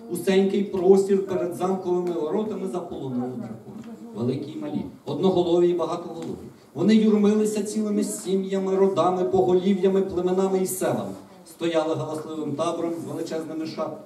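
A children's author reading his book aloud to children in a meeting room, in a lively, expressive storytelling way. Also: sits high. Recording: echoey room, mic far off.

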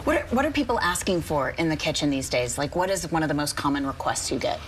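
Upbeat middle-aged woman TV host, lower-pitched, studio lapel mic, faint hiss. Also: lively intonation, fast talker. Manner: upbeat, promotional. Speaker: TV morning show host. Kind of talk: TV lifestyle segment interview. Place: TV studio set, in doors.

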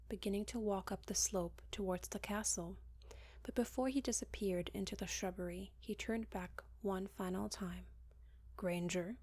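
A woman narrating a fan-fiction audiobook in a calm, steady reading voice. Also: medium pitch. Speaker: audiobook reader.

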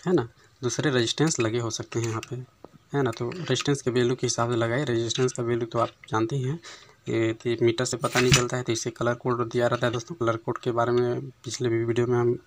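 Man, TV repair tutor, chatty and relaxed, phone mic over the bench, faint hiss. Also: medium pitch, quick pace. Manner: conversational, keeps adding "है ना" and "दोस्तों". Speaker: TV repair instructor. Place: workshop bench, voice behind handheld phone camera.

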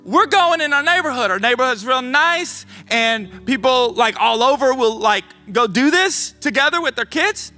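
Youth pastor, man in his 30s, very high and bright tone, casual rambling story sermon, faint music underneath. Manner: animated, chatty, full of fillers and asides. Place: youth service.

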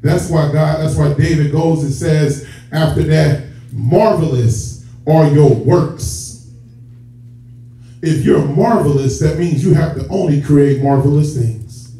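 A church elder preaches in a slightly high, dark voice, taking his time and addressing the congregation in a conversational way while drawing out key words. The setting is a church sanctuary with a stage and rows of seats. Recorded by a far camera at the back of the hall, the sound is distant, echoey, muffled and noisy.

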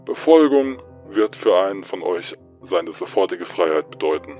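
A stern, commanding Soviet researcher, as a man puts him on, barking cold orders through an intercom in a low voice. Soft music plays underneath. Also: expressive, moderate pace.

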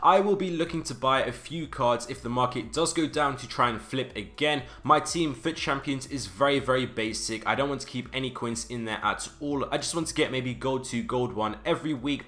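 A man's voice: medium pitch, fairly quick, hardly any pauses, fairly bright tone. A young man giving casual market commentary as a game trading video host, leaning on an emphatic "do" in his verbs.

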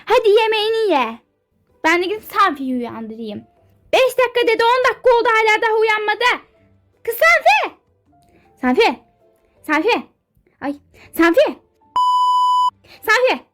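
A woman doing a shrill, bossy, hyper young model. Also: big pitch swings, normal speed, pauses often, a bit bright, soft background music, full character voice. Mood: excited. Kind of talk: game character role-play dub.

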